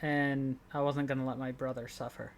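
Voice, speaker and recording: A man playing a loyal young male character in a tabletop role-play, speaking in a casual, halting, sincere way. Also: mid-range voice, flat delivery, creaky, a little hiss or hum, lightly acted.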